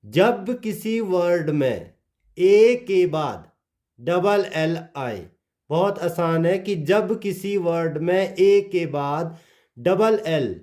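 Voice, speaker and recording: Man, English teacher, slightly high pitch, unhurried spelled-out lesson, falling phrase endings. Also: expressive, darkish tone. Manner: spells letters one by one, drops low at phrase ends. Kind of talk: slow spelled-out phonics lesson.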